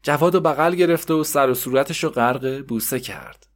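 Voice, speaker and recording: A man narrating a story for a podcast, with measured explanatory asides. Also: medium pitch.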